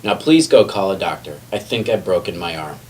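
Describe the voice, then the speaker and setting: A man voicing a kindly but firm woman head librarian in a storybook, polite and gently authoritative. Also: sits low, lively intonation, brisk. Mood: calm, polite. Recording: distant mic with faint background noise.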